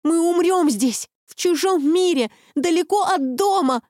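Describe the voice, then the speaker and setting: A woman's voice: very high-pitched, a little slow, dark tone, dry recording, studio quality, voice pushed up. A woman voicing a desperate young woman in an audiobook, pleading urgently with a raised voice. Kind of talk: audiobook reading.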